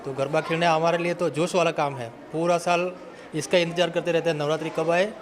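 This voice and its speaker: A man's voice: a little high, little pitch movement, fairly quick, a faint crowd, slight background noise. A man answering interview questions with enthusiasm.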